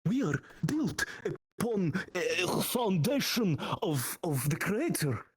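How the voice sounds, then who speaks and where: A man's voice: high voice, big pitch swings, very fast, fairly bright tone, husky, no room sound, heavily acted. A man voicing an indignant male church delegate in live tabletop role-play, lecturing with raised, sputtering outrage.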